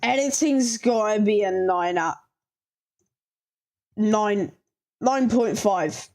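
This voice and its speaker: A woman giving casual reaction commentary at an unhurried, drawn-out pace. She talks in slang and stops and restarts while she thinks aloud and hands out scores. Her pitch sits in an ordinary middle range. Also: a little mellow. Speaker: reaction video host.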